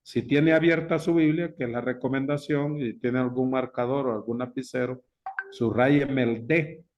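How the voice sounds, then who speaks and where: A man's voice: medium pitch, steady tone, darkish tone. Male pastor, bible class lecture, emphatic repetition, dull lo-fi sound. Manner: slow, emphatic, repeats key words. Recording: dull lo-fi recording.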